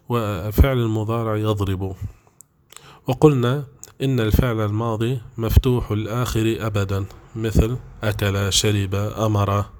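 A man's voice: lowish voice, a little mellow. Patient male grammar teacher repeating examples. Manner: frequent hesitations with drawn-out fillers. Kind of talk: classroom grammar lesson.

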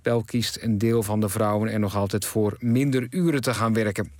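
A man reading a radio news bulletin in an even, measured way, in a studio. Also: fairly low pitch, dry recording. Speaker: newsreader.

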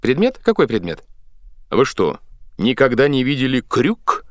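A man voicing an odd, calm-spoken boy cabin hand in a read-aloud story, high and animated. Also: unhurried, no room sound, clean studio sound. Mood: explaining. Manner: high, animated, matter-of-fact explaining.

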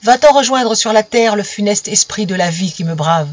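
A woman's voice: mid-range voice, lively intonation, moderate pace, no echo, lightly acted. A woman voicing a wrathful old wind king. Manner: stern, menacing. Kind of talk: storybook reading.

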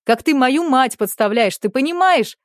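A woman's voice: sits high, expressive, normal speed, dry recording, studio quality, pitched above the performer's own voice. A woman voicing an angry young adult brother who talks curtly and with scorn. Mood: scornful. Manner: curt, scornful.

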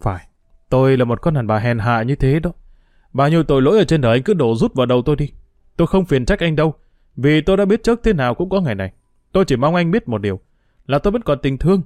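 A man's voice: a little high, a little mellow, no room sound, clean studio sound, lightly acted. A man reading a story aloud and voicing a tearful young woman pleading her case. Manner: pleading, emotional.

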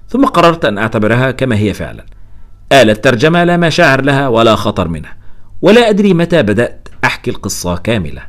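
A man narrating a novel aloud as an audiobook, in an animated storytelling manner. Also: mid-range voice.

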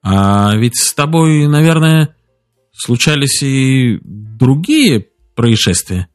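A man's voice: mid-range voice, sing-song, slow, soft background music. A man voicing a stubborn, eager male traveller who protests insistently. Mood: puzzled.

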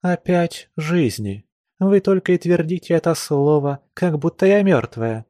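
A man reading a classic novel aloud, voicing a calm, composed young noblewoman with mild, lightly ironic speech. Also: fairly high pitch, unhurried, no echo, clean studio sound, voice pushed up.

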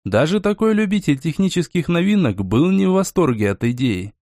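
A man reading an audiobook in steady storytelling narration. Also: a little high, brisk, dry recording, clean studio sound. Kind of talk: scripted narration.

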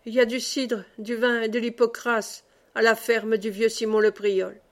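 A woman's voice: fairly high pitch, level tone, normal speed, lightly acted. A woman reading as a sly, fawning informer. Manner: ingratiating.

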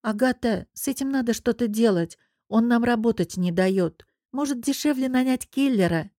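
A woman's voice: fairly high pitch, normal speed, mellow, no room sound, studio quality, pitched above the performer's own voice, lightly acted. A woman reading a story, voicing a young female hotel administrator who complains wearily about a guest. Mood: scheming. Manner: complaining, weary.

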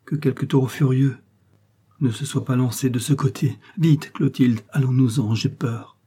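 A man reading aloud, voicing a frail, gentle young queen who speaks in a melancholy, resigned way. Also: mid-range voice, fairly even intonation, normal speed, breathy edge, voice pushed up. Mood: frightened.

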